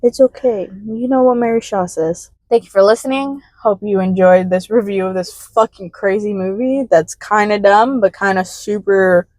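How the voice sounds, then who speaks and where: A young woman co-hosting a podcast in casual chat, joking loudly and breaking into laughter and shrieks. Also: medium pitch, moderate pace, few pauses, no echo. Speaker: podcast co-host.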